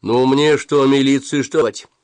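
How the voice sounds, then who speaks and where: A man's voice: sits low, lively intonation, brisk, slightly rough, no room sound, full character voice. A man voicing a curt, stern army officer who barks orders. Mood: gruff barking. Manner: curt, barking.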